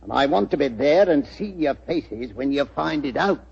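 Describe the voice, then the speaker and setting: Gravelly, cocksure English police inspector. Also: male voice, a little high, animated, moderate pace, heavy background noise. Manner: blustering, colloquial, hesitant. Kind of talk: 1940s radio acting. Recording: muffled old 1940s radio recording.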